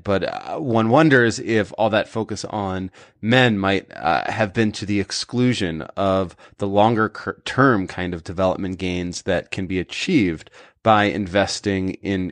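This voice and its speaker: Low-voiced male interviewer, dry sound. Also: no echo. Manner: curious, conversational questioning. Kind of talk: interview conversation.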